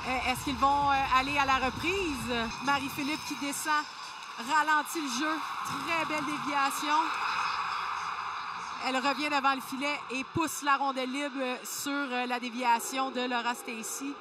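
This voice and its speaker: A woman's voice: sits high, steady tone, measured pace. A woman working as a hockey colour analyst, explaining replays live in a hesitant, step-by-step way. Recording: very loud arena noise behind voice. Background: hockey arena ambience.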